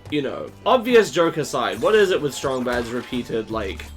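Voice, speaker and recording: A man's voice: mid-range voice, big pitch swings, moderate pace, soft background music. A young man chatting casually on a game stream, swearing offhandedly and laughing often. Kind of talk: casual gaming stream chat.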